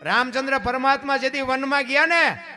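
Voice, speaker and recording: A man giving a dayro storytelling sermon, moving between soft musing and loud impassioned declaiming, and putting questions to his audience. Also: very high voice, moderate pace. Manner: asks the audience questions directly. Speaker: folk storyteller. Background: guitar music.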